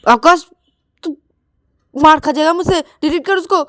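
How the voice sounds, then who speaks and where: A woman voicing an indignant young woman who scolds loudly in a high voice, in a storytelling narration. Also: normal speed, lightly acted.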